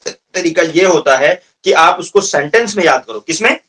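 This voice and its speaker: Recorded from a distance, a classroom lecture features a Hindi-accented man in his thirties teaching English vocabulary. His fairly high, fairly bright voice is expressive and moves at a moderate pace as he quizzes students and repeats their replies.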